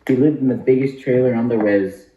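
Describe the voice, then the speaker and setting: A man's voice: mid-range voice, brisk. A man narrating a comic story for an amateur puppet show. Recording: muffled, echoey room.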